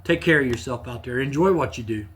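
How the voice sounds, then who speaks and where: A man's voice: mid-range voice, fast talker. A man hosting a woodworking channel, casually demonstrating in his home shop in a plainspoken, repetitive way. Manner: plainspoken, repeats himself, relaxed restarts.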